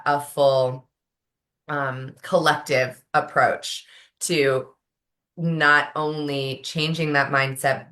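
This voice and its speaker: A woman's voice: sits low, fairly bright tone. A woman panelist speaking earnestly and fluently on an online panel, using rhetorical questions. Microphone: video call.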